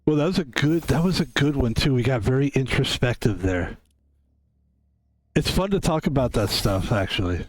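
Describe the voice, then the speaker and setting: Medium in pitch and expressive, the voice belongs to a man in his fifties who speaks at a normal speed. He rambles reflectively during a casual gaming stream, often correcting himself mid-thought.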